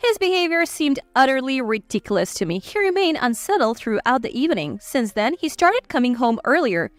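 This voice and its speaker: A woman narrates a scripted first-person story in a cool, blunt way. Her voice is high and animated. The recording is dry, with faint background music. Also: brisk, dry recording.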